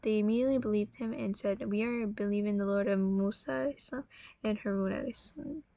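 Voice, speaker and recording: Woman, tired storyteller, gravelly voice, halting and self-correcting, dry dull lo-fi recording. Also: medium pitch, mellow, no echo. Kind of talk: casual religious story narration.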